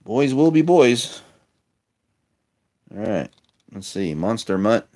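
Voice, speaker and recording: Low-voiced guy unboxing toy cars at home, wry muttering asides, phone cam. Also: sing-song, slow pace, darkish tone. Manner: chatty, wry and self-mocking, muttering asides. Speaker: toy collector vlogger. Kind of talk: casual unboxing commentary. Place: indoors at a table, filming toys close up.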